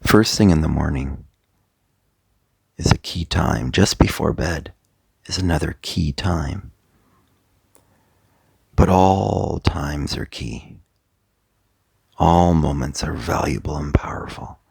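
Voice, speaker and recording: A coach guides a meditation in an extremely low, creaky voice that is gravelly, husky and a little mellow. He speaks slowly and deliberately, with long pauses between short phrases, in a soft motivational style. The recording is close and dry, with no echo.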